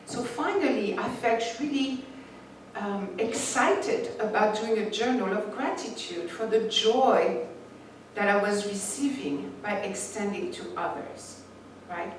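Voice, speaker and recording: Medium-pitched and unhurried, this spiritual teacher, a non-native English speaker, delivers a reflective talk with passages read aloud, making a few restarts. The sermon was recorded at a distance in an echoey room, with faint background noise.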